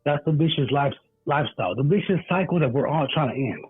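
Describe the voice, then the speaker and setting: A caller phones into a radio talk show, sounding earnest and preachy, his quick, expressive, fairly high voice carrying a breathy edge. The dry recording is muffled and tinny, like a phone line heard through a wall.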